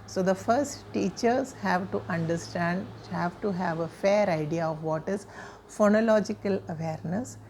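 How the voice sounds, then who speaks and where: A woman lectures teachers on how children learn to read. She explains each step in a measured, patient way, pausing on frequent fillers as she gathers her thoughts. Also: mid-range voice, darkish tone. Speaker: teacher trainer.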